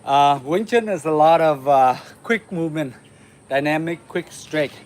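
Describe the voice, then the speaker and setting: A man from Vietnam hosting a martial arts livestream, chatting casually with viewers while he warms up, with lots of uh fillers. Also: a little high, measured pace. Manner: relaxed, chatty, many uh fillers, laughs often. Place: home in the city.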